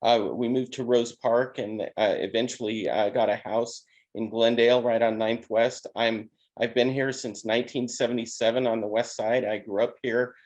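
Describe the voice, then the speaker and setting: A man who was born in Jamaica and raised in Utah, steadily introducing himself as a council candidate. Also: mid-range voice. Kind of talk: candidate statement.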